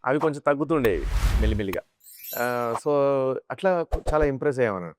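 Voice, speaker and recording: A man, a mimicry artist, telling animated stories about his life and slipping into imitated voices. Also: mid-range voice, quick pace, noisy background. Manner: animated storyteller who slips into chanting and imitated voices. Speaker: mimicry artist, interview guest. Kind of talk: casual interview storytelling.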